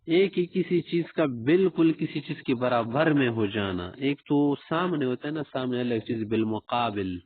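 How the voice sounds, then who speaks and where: Male teacher, slow patient drills, repeats words, tinny phone-like audio, dry. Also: mid-range voice, no echo. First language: Urdu. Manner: slow, repeats example phrases for learners. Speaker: Arabic teacher. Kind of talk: language lesson.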